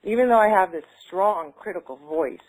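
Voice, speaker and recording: Speaking at a normal speed with an expressive, slightly mellow mid-range voice, a woman repeats phrases in a tapping session. Her free talk afterward is casual, hesitant and full of fillers. There's a faint hiss or hum in the background.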